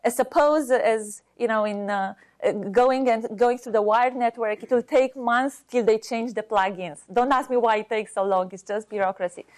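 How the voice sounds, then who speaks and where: At an academic seminar, a woman researcher from a university speaks unscripted, her Romanian accent audible as she stops to search for words. Her voice is a little high.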